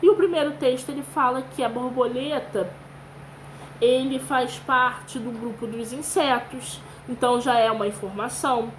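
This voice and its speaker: A high-voiced woman with a steady tone and moderate pace teaches young children in a Brazilian Portuguese accent. She reads aloud and patiently sounds out syllables. There's slight background noise, and the recording quality is low.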